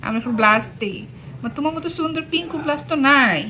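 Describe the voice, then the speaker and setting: A woman's voice: sits high, animated, fast talker, bright, forceful tone, a little hiss or hum, low-quality recording. A woman pet vlogger talking in doting baby talk to her cat, cooing and repeating words fondly. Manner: cooing, sing-song, repeats words affectionately.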